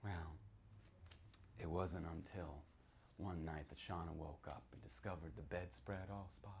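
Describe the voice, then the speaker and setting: Reading from his own novel to an audience, a deep-voiced man takes on the role of a sinister local from a small town sharing a grim story in first person. His theatrical horror telling lurches between whispers and shouts, with slight background noise behind him.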